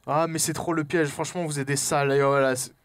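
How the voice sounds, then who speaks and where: Un homme à l'français qui commente en direct un jeu d'horreur, entre chuchotements tendus, cris et blagues. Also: male voice, fairly high pitch, fairly even intonation, quick pace, no room sound. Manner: jokey, jumpy, swings from whispers to yelps. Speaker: let's play host. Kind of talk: horror game let's play commentary.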